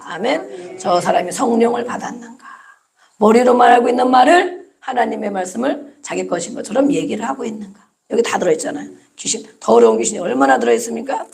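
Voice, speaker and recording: A woman's voice: fairly high pitch, creaky, a little mellow. A woman pastor preaching a Sunday sermon, emphatic and repetitive, often prompting her listeners with "amen" and rhetorical questions.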